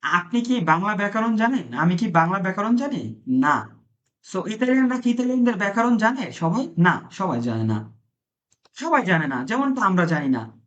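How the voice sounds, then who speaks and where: A man's voice: high voice, very animated, moderate pace, fairly bright tone. A man teaching a classroom language lesson, asking his students questions and repeating their answers. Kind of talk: classroom lesson, live-streamed. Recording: dull lo-fi classroom audio.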